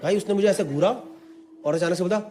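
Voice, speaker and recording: A man, telling an animated stand-up story with crowd work in mixed Hindi and English, acting out voices. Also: high-pitched, fast talker, background noise. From India. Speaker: stand-up comedian. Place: comedy club stage before a live audience. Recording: roomy hall with loud crowd. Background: audience laughter.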